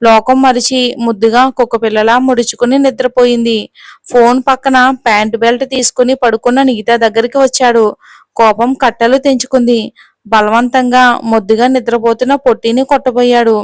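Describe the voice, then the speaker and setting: A woman narrating a romance serial in a steady reading voice. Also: on the high side, a little fast, dry recording. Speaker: storyteller. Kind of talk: scripted narration.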